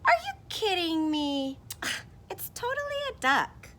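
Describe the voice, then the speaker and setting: A woman doing an excited squeaky duck-believer. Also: a little slow, full character voice. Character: eager storyteller insisting it's a duck.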